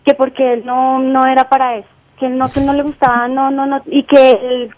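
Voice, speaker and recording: A woman's voice: high-pitched, level tone, normal speed, a little mellow. A woman, calling in to a radio show by phone, talking casually in a hesitant, defensive way. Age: 20s. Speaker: radio caller. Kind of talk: radio call-in, casual personal talk. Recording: dull lo-fi phone line.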